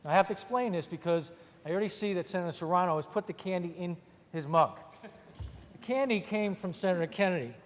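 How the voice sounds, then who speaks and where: A man delivers opening remarks as senate majority leader at a podium microphone, his voice sitting a little high for a man. He keeps it chatty and folds wry jokes in between the thank-yous. The sound rings with the long reverb of a large legislative chamber. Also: brisk. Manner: chatty, with wry joking asides.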